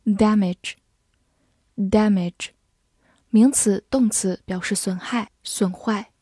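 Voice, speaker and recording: A female English teacher reading vocabulary words slowly and deliberately, repeating each word before its part of speech and meaning. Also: mid-range voice, fairly even intonation, mellow, husky, no echo, clean studio sound. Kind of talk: vocabulary drill.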